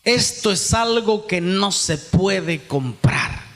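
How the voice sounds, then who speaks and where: A man's voice: high voice, lively intonation, slow, a bit bright, soft background music. A Peruvian man with a Peruvian Spanish accent preaching a sermon at a youth conference. He reads scripture aloud, explains it, and asks rhetorical questions that he answers himself. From Peru. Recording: long reverb of a large hall.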